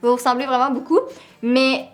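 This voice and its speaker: A woman's voice: high voice, little pitch movement, brisk, soft background music. A young woman from Quebec with a Québécois French accent, chatting casually as a vlog co-host and slipping in English words. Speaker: vlogger co-host. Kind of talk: casual chat.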